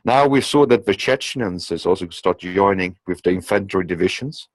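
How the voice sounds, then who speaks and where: Low-pitched and animated, this commentator speaks at normal speed in a recording with no echo. A non-native English speaker, he improvises a political monologue insistently and emphatically, frequently asking "okay?".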